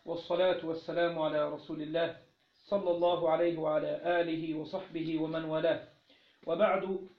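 A man with an Egyptian accent teaching a religious text, asking questions and then answering them himself, often repeating key phrases. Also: on the high side. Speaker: teacher of Islamic jurisprudence. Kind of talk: religious lesson, explaining a text. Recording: roomy, dull lo-fi recording.

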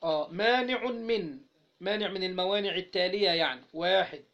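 A man with an Egyptian Arabic accent teaching Arabic grammar in an interactive lesson, prompting students to finish his sentences and drawing out example words slowly. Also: sits high, fairly bright tone. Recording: dull lo-fi recording.

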